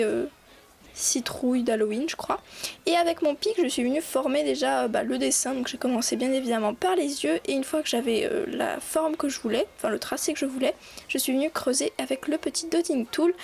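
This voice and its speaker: A young woman with a high voice talks through a clay craft tutorial in a relaxed, chatty way. She keeps stopping to fill gaps and restart her sentences as she goes. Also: creaky, a little hiss or hum. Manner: chatty, many fillers and restarts. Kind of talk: casual voice-over tutorial.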